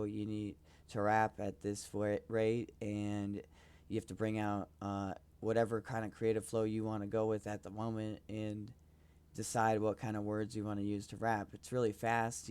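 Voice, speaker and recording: A man's voice: on the low side, a little mellow, clean tone. A young man rambling casually about his music on his own podcast, hesitant and self-promoting. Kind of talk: casual solo podcast talk.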